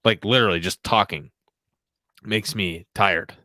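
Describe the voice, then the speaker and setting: A man's voice: fairly low pitch, a little slow, bright, forceful tone, dry recording, studio quality. A man hosting a podcast livestream, chatting casually and rambling with many fillers, a bit out of breath. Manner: rambling, filler-heavy, jokey. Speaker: podcast host.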